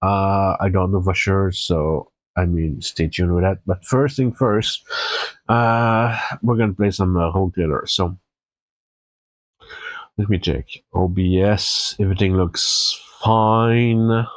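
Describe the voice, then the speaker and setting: A stuffy-nosed, tired man hosting a live game stream, talking in an unhurried, rambling way. His voice sits on the low side, and the sound is close and dry. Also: fairly even intonation, dry recording. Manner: easygoing, rambling with fillers and restarts. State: congested. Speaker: Twitch streamer. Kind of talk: casual live-stream chat.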